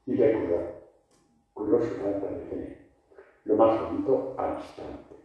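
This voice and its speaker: A man preaching a catechesis in a large church, lively and rhetorical, putting questions to the congregation. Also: lowish voice, a little slow. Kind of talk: sermon catechesis. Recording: echoey church, distant dull mic.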